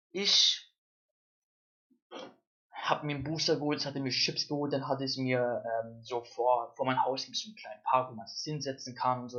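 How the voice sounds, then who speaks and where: A young adult man vlogging, telling a rambling story that swings between mumbled asides and loud, excited bursts. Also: mid-range voice. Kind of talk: casual storytelling to camera. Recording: dull lo-fi recording.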